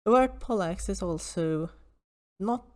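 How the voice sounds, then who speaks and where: A woman presenting an informal history lecture in a measured, precise, explanatory way. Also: medium pitch, lively intonation.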